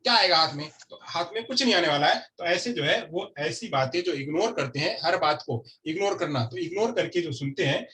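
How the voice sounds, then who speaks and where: A man's voice: a little high, expressive, fairly quick, hardly any pauses, a bit bright. A man teaching a lecture class who keeps repeating key terms and asks and answers his own questions. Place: classroom with a board.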